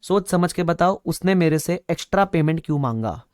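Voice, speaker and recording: Man, young, lively teaching voice, slightly high, dry close sound, playful storyteller. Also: a little fast, clear, resonant tone, no echo. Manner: playful storytelling, acts out shopkeeper dialogue loudly. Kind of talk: live online class lecture.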